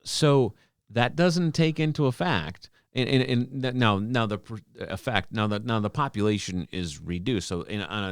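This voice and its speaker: A man's voice: lowish voice, normal speed, creaky, hardly any pauses, clear, resonant tone, dry recording, clean studio sound. A man in his forties co-hosting a podcast, chatting casually and explaining at length with many restarts. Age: 40s. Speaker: podcast co-host. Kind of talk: casual chat.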